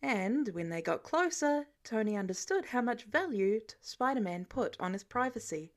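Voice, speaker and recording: Woman narrator for fan fiction audiobook, lively pitch, expressive read. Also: moderate pace. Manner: expressive, animated storytelling. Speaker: podfic reader.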